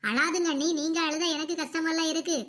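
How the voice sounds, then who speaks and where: A woman's voice: very high-pitched, fairly even intonation, fast talker. A woman voicing a kind, protective young sister-in-law in a cartoon comedy. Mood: concerned. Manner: gentle, concerned.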